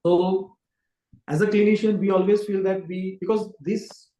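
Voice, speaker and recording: A man speaks as a doctor, explaining things patiently and filling pauses with "uh". His voice sits slightly high. The room around him rings with a noticeable echo. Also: fairly even intonation, warm tone. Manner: careful explainer with frequent fillers. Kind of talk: explaining to an interviewer. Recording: roomy echo.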